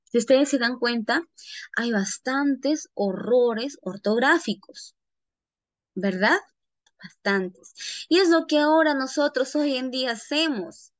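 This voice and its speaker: A woman's voice: sits high, animated, slow pace, no room sound. A woman teacher giving an online lesson, often checking in with her students by asking "¿ya?" and calling them "chicos".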